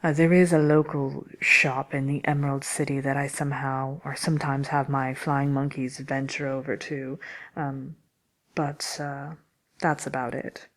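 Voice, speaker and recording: A woman playing a haughty, grumpy fairy-tale witch in soft-spoken ASMR roleplay, answering questions as a host in a dry, unhurried, condescending manner. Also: very deep voice, flat delivery. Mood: dry, matter-of-fact.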